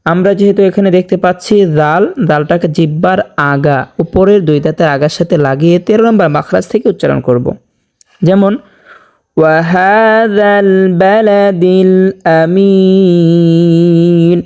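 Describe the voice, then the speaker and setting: A man teaching Quran recitation rules, explaining briskly and then chanting verses slowly and melodically. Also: sits high, a little mellow. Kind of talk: tajweed lesson with slow chanted recitation.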